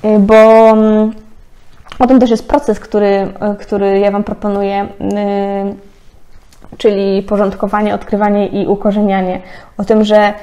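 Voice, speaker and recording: A woman in her thirties talks through a card reading in a relaxed, chatty way, often breaking into laughter. Her voice is mellow and dark. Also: medium pitch, a little slow. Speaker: tarot card reader. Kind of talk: casual spiritual card-reading talk.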